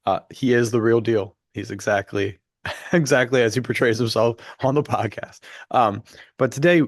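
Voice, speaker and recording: With a mid-range voice at a normal speed, this young podcast co-host chats casually and with enthusiasm, using lots of fillers. Illness has left his voice somewhat worn and fading. The audio is studio quality, with no room sound.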